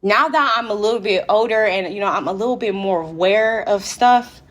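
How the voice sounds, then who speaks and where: A woman's voice: medium pitch, brisk, fairly bright tone. A woman co-hosting a podcast, talking candidly in a loose, rambling way with restarts and cursing. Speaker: podcast co-host. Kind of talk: casual chat.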